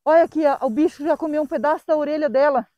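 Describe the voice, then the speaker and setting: Brazilian woman, high soft coaxing voice, dry close phone sound, outdoor vlog. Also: racing, no echo, dull audio. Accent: Brazilian Portuguese. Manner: tender, coaxing, emotional. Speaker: vlogger rescuing a stray dog. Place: outdoors in scrubland by a car.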